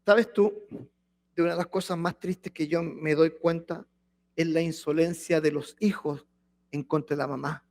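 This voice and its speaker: A man's voice: on the high side, steady tone, normal speed, darkish tone. A male pastor preaching a sermon, reading scripture aloud with emphasis and throwing rhetorical questions at the congregation.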